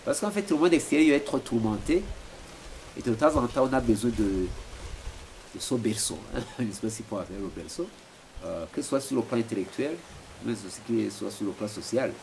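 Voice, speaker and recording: A fairly quick male speaker with a mid-range, darkish voice and vocal fry. In his forties and from Rwanda, this philosopher answers interview questions at home with many hesitations and repeated words, and the home recording is noisy.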